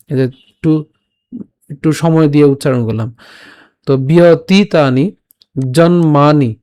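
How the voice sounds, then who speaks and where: A man's voice: on the high side, a little mellow. A man with a Bengali accent teaching pronunciation of scripture verses, breaking words into syllables and checking in with his students. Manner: slow, syllable-by-syllable pronunciation drills with frequent checks. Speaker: Gita recitation teacher. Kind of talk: pronunciation lesson.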